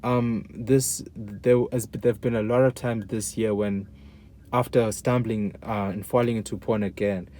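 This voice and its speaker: A young man talking candidly about his faith, earnest and halting, with many restarts and casual slang. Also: lowish voice, fairly even intonation, mellow, a little hiss or hum. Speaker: guest sharing testimony.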